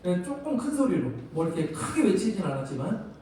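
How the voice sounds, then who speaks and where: A man's voice: sits high, big pitch swings, fairly quick, warm tone. A man preaching a youth sermon, talking to teens in a conversational way and telling stories before a closing prayer. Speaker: youth pastor. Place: large church sanctuary. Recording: very echoey hall, from a distance.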